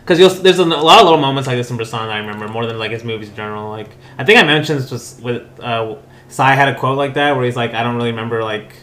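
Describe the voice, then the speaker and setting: A man co-hosting a casual film podcast, chatty and quick. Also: medium pitch, fairly bright tone, reverberant. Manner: quick, chatty, laughs often. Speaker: podcast co-host.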